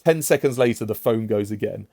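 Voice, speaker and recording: Male guest telling stories, lively and halting, recorded dry. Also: on the low side, creaky, no echo. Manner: animated anecdotes with many restarts. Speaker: former aide, podcast guest. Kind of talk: storytelling in a podcast conversation.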